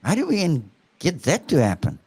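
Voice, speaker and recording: A man's voice: fairly high pitch, huge pitch swings, moderate pace, gravelly, a little mellow, breathy edge, dry recording. A man from South Africa, a teacher, talking reflectively and emphatically, often checking in with "right?". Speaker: teacher and speaker. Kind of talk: reflective conversational talk.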